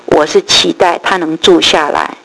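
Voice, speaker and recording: Middle-aged woman, gravelly edge, animated church testimony. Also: sits low, low-quality recording. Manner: lively storytelling, acts out quoted voices, many drawn-out particles. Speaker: church speaker giving testimony. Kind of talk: spoken testimony storytelling.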